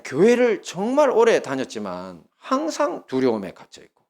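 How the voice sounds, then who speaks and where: A male pastor with a Gyeongsang Korean accent, preaching a sermon with lively storytelling and questions put to the congregation. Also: high-pitched, moderate pace.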